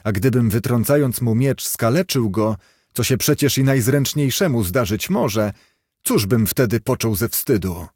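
A man's voice: mid-range voice, animated, a little slow, a little mellow, husky, no room sound, clean studio sound. A man voicing a proud, angry veteran knight who speaks scornfully in an audiobook story. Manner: scornful, threatening.

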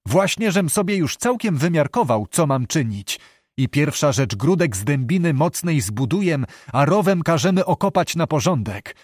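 A man's voice: a little high, normal speed, no room sound, clean studio sound. A man doing an eager young knight. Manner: eager, excitable archaic speech.

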